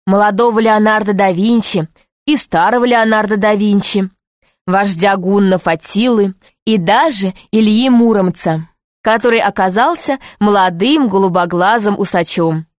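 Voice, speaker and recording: A woman narrating a children's adventure story in an even, steady storytelling voice. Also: mid-range voice, moderate pace, dry recording, studio quality. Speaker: audiobook narrator. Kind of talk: scripted narration.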